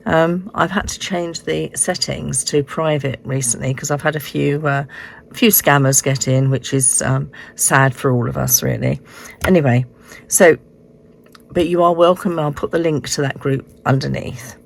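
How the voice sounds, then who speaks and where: A middle-aged woman with a hoarse, croaky frog voice, recovering from illness, explaining a craft step by step in a casual, unhurried way. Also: sits low, steady tone. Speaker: host of a card-making tutorial. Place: indoors at a craft desk.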